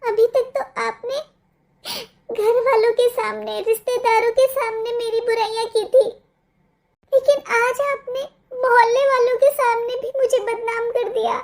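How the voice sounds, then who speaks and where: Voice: very high-pitched, little pitch movement, measured pace, gravelly, exaggerated voice. A voice actor playing a young village daughter-in-law in a cartoon, complaining and defiant. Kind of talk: cartoon dubbing.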